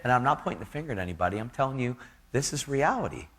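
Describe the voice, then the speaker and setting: A man's voice: mid-range voice, sing-song, rapid-fire, fairly bright tone. A man giving an earnest, casual testimony in a preaching style, full of slang.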